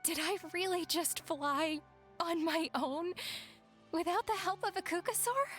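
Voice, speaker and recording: A woman's voice: very high-pitched, unhurried, fairly bright tone, faint music behind. A woman voicing a giddy, awestruck young flier in a video game. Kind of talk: scripted game character acting.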